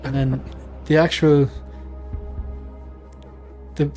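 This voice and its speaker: A man taking part in a quiz, chatting casually and reasoning out loud in a rambling way. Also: fairly high pitch, level tone, drawn-out words. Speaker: quiz contestant. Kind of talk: casual chat, thinking out loud. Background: faint music.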